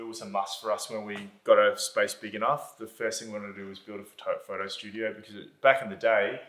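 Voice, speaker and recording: A man giving a casual, unscripted tour of his clothing brand's warehouse in a loose, hesitant way, his voice echoing in the big indoor space. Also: on the low side. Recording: echoey empty-warehouse sound, faint music.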